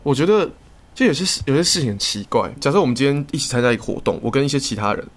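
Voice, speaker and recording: A young man from Taiwan, co-hosting a podcast in casual chat, telling stories quickly with lots of swearing. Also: medium pitch. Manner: rapid, swearing, animated storytelling. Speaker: podcast co-host.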